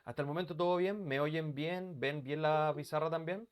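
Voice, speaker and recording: A man's voice: a little high, moderate pace, smooth. A man teaching a live online English class from his bedroom, chatting casually and greeting students by name. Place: bedroom used as an office. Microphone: computer mic on a video call.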